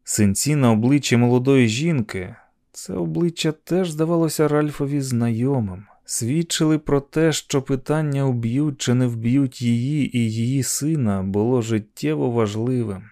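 A man reading a novel aloud as an audiobook narrator, in a steady, measured manner. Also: mid-range voice. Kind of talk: scripted narration.

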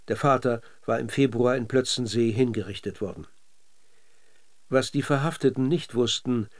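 A medium-pitched male voice with a standard German accent reads out scripted documentary drama for radio. The tone never leaves measured, factual territory.

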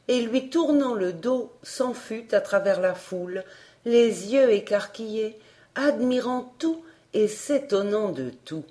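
A woman narrates a storybook audiobook at an unhurried pace. Her reading is measured and expressive, and her pitch rises and falls in wide, lively arcs. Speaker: audiobook reader.

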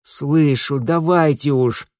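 A sardonic young man trades dry jabs, voiced by a man reading an audiobook. The voice stays near the narrator's own, mid-pitched and wry. The sound is close and dry, with no room echo. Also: expressive, moderate pace, darkish tone, natural voice. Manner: dry, sarcastic.

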